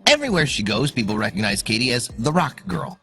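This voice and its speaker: A man narrates a scripted story for online video, building suspense and adding emphasis. His bright, forceful, creaky voice sits at a middle pitch with lively swings, and he talks fast. Soft background music plays under his voice.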